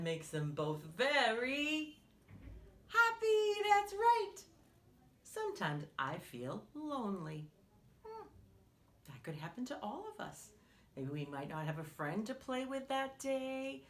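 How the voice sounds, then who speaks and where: As a story time host, a woman reads a picture book aloud to young children with expression, often asking them questions and pausing for answers. Her voice is a little high and a bit bright, with slight hiss or hum in the recording.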